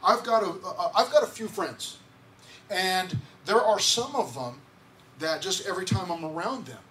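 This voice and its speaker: High-voiced man preaching a sermon. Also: expressive, moderate pace, fairly bright tone, a little hiss or hum. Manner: conversational, repeats words, asks the congregation questions. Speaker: pastor. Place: church sanctuary.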